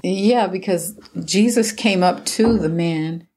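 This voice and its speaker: A woman's voice: fairly low pitch, slow pace, warm tone, slightly rough. A woman in a casual Bible discussion, thinking aloud and wondering about the scene. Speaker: Bible study co-host.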